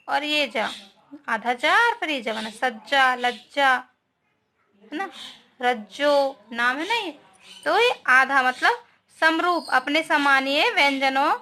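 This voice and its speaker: A woman's voice: sits high, pushed and bright. A woman teacher giving a grammar lesson to schoolchildren, spelling out each word, asking the class questions and often adding a short tag question.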